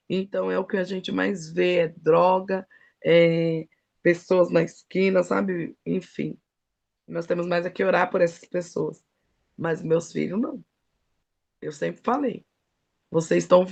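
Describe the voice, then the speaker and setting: A woman's voice: fairly low pitch, gravelly, lo-fi sound. A middle-aged woman preaching a devotional sermon, with emphatic, folksy storytelling.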